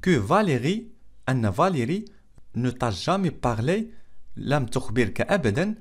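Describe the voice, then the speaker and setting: Male language teacher, repeats phrases slowly with a lively, animated pitch. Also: husky. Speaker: French teacher. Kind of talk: language lesson explaining phrases.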